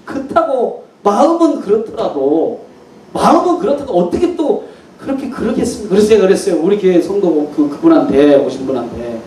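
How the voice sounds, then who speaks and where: A middle-aged male pastor telling stories from the pulpit in a chuckling, animated way. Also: high voice, fairly quick. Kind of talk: storytelling sermon. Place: church hall at a mission conference. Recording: echoey hall, mic far off, faint hiss.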